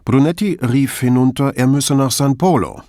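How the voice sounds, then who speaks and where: A man reading a novel aloud in a measured, even way as an audiobook narrator. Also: mid-range voice, no room sound, clean studio sound. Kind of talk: scripted narration.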